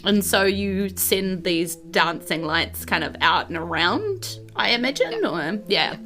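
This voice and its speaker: Faint background music accompanies this New Zealand-accented woman as she improvises descriptive, conversational narration as the game master of a tabletop game on her podcast, often hedging with "sort of" and "kind of." Her mid-range voice is sing-song, pushed and bright, at a measured pace.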